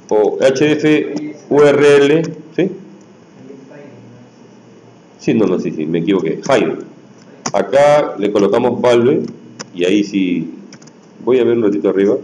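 A man teaching a programming class in a casual way, tossing in quick tag questions to check that his students follow. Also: on the low side, warm tone, a little hiss or hum. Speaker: programming instructor. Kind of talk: live coding lesson. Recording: roomy echoey room.

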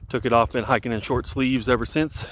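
This hiker vlogger, a man in his thirties, speaks at a medium pitch and a little quickly while walking downhill outdoors on a mountain path. Holding the camera at arm's length, he rambles easily with fillers and restarts, and a faint hiss or hum sits under the audio.

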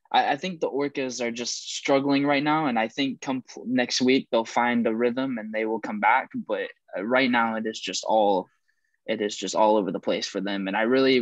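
A young man giving a plain, steady sports analysis as a guest on a video call. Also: medium pitch, dry recording. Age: young adult. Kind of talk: sports recap chat. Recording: dull, dry video-call audio.

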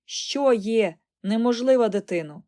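A woman's voice: a little high, expressive, measured pace, warm tone. Stern prim aunt, sharply scolding, a woman reads. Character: stern, prim middle-aged spinster aunt.

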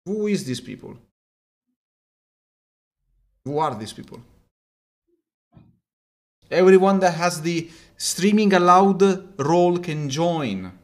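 A young Italian man streams from a small room at home, chatting and joking in an Italian accent and often tripping over his words. His high voice is expressive and slow, with frequent pauses, and he's framed by a webcam wearing headphones.

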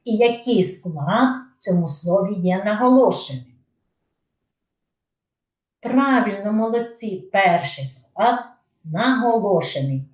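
Ukrainian-accented woman, preschool teacher, unhurried and patient, heard from across an echoey room. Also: medium pitch, lively intonation, darkish tone, far from the mic. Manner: patient, asks questions then answers them herself. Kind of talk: slow didactic lesson for young children. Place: kindergarten room.

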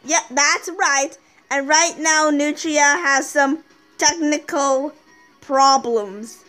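Slow-talking high-voiced young girl. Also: steady tone, sharp tone, soft background music, low-quality recording. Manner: teasing, halting, slow. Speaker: co-host. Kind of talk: casual let's-play chat. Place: living room in front of a TV. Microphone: phone camera filming the TV.

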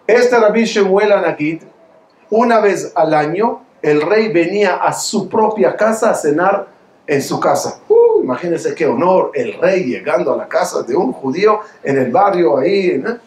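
A man rabbi giving a storytelling sermon, lively and full of repeated rhetorical questions. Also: sits high, normal speed, echoey room.

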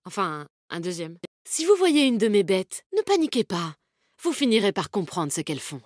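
An actress voices a tough, confident, protective woman fighter in a video game, delivering combat callouts and character lines with a bold, cheeky, commanding, determined manner. Her mid-range voice is very animated and a little mellow at normal speed, recorded dry in studio quality.

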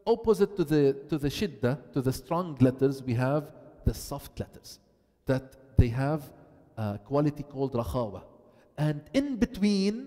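Teacher, male, mellow and slightly high voice, long hall reverb, quizzes the class as he explains. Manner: explains, then asks the class questions and answers them. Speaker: tajweed teacher. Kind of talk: classroom lesson, switching between English and Arabic.

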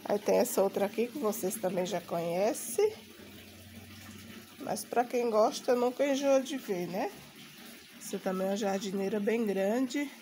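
A woman's voice: mid-range voice, unhurried, warm tone, slight background noise. A Brazilian Portuguese-accented woman chats casually while showing things outdoors in a vlog, her voice affected by recovering from a bad flu. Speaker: gardening vlogger. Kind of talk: casual chatty show-and-tell. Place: outdoor home garden.

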